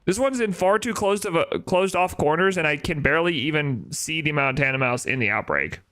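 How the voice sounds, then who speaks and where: Bright-voiced young man streaming. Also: fairly high pitch, lively intonation, brisk. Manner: opinionated, talks back to chat with rhetorical "right?". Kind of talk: casual live-stream chat.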